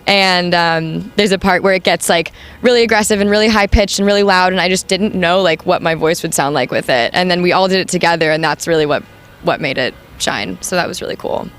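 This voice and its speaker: A young adult woman, the band's new singer, answers interview questions casually and chattily in a high, slightly bright voice, talking fairly quickly and filling her speech with lots of "like" and "um."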